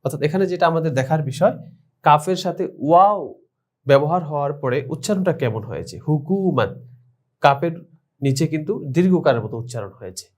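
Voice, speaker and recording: A man's voice: on the high side, lively intonation. A man teaching an online language lesson, spelling out words letter by letter and explaining pronunciation to his students. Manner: spells out letters slowly, syllable by syllable; addresses students directly, explanatory.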